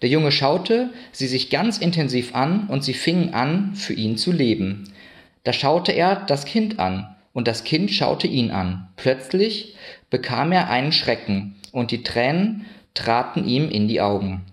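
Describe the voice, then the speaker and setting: A man calmly reading a Christmas story aloud at a measured, even pace. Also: mid-range voice.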